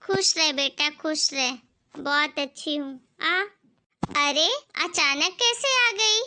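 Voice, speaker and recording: A woman's voice: high-pitched, slow pace, bright, forceful tone, heavily acted. A woman voicing a stingy middle-aged mother-in-law who talks sharply and dismissively in a cartoon story.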